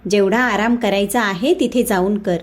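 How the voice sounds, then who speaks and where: A woman's voice: medium pitch, moderate pace, lightly acted. An angry scolding young husband, as a woman reads him out. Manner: shouting, accusing.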